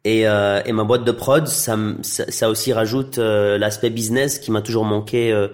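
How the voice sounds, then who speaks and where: The interview guest is an actor and director in his thirties, of Iraqi descent, raised in Tunisia and Belgium, whose native tongue is Arabic. At normal speed and in a fairly low, level voice, he talks casually, with many fillers and restarts.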